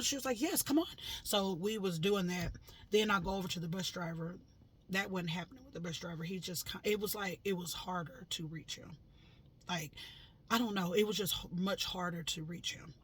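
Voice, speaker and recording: A woman casually recounting a dream to her viewers, animated and dramatic, getting loud when she quotes herself, with lots of fillers. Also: mid-range voice, breathy edge. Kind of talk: casual storytelling.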